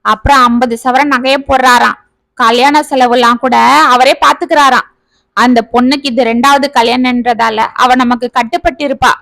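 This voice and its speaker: A woman's voice: high-pitched, steady tone, moderate pace, no room sound, poor audio. A woman storyteller voicing a greedy, domineering middle-aged village mother who nags and scorns her husband. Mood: scornful. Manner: sharp, scornful, nagging.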